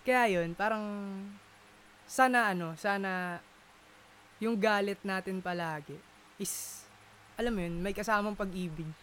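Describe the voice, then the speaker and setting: A man's voice: high-pitched, a little slow, long pauses, fairly bright tone, a little hiss or hum. A man in a casual chat, searching for words and mixing English into his talk. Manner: searching for words, many fillers, Taglish code-switching. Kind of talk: casual conversation.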